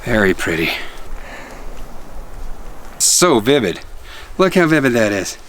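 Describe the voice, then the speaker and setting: A man's voice: medium pitch, a little hiss or hum. A man chatting casually and joking while he cooks on a backpacking trip, recorded outdoors on a distant camera mic. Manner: animated, joking, quick bursts of excitement. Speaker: backpacker vlogger. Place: outdoors at a high mountain lake.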